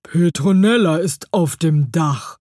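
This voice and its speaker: Woman doing a slow, humming stag beetle. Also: sits low, warm tone, dry recording, clean studio sound. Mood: kindly. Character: big kindly male stag beetle.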